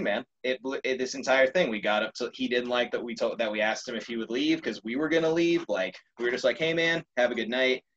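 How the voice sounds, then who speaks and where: A young man telling a story in casual conversation, animated and laughing often. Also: medium pitch, muffled recording.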